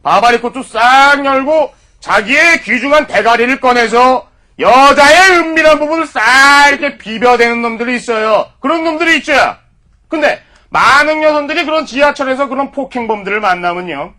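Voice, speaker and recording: A man's voice: extremely high pitch, moderate pace, sharp tone. A man giving a mock-formal comedy lecture, peppered with profanity.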